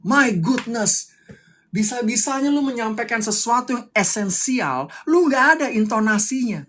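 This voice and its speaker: A man's voice: very high-pitched, expressive, normal speed, a bit bright. Man, public speaking coach, fired-up live stream lesson, hammers points home. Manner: fiery, emphatic, repeats key points.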